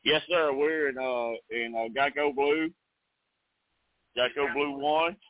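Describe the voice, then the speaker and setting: A man's voice: medium pitch, steady tone, takes it slowly, no room sound. A man chatting casually and in a folksy, easygoing way as a race fan interviewed over the phone. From Nashville area, United States. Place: outdoors in a campground pool beside a racetrack. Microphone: phone call. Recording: narrowband phone-like call, dry.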